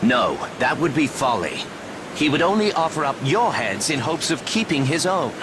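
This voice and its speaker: Delita, a brooding, scheming young commoner. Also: male voice, fairly high pitch, very animated, background noise. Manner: measured, formal old-fashioned speech. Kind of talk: game cutscene acting. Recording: loud music under voice.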